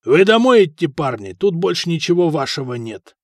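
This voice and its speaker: A man's voice: fairly high pitch, big pitch swings, moderate pace, no room sound, clean studio sound. A man doing a gloating Danish warrior. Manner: speaks in broken, ungrammatical phrases.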